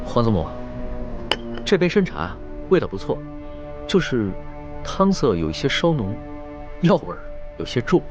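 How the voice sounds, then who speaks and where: An actor playing a young emperor and deferential grandson in a Chinese costume drama, speaking formally, politely and with care. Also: male voice, mid-range voice, sing-song, moderate pace, long pauses, muffled recording, over music, close to an everyday voice. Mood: courteous. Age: young adult. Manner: formal, polite, careful phrasing.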